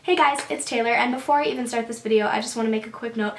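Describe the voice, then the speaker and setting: A woman's voice: fairly high pitch, rapid-fire. A young woman in her twenties with a congested voice that has not fully recovered, chatting casually through a product review to camera, full of "like" and "so". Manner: chatty, frequent "like" and "so". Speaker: beauty vlogger. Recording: roomy echo.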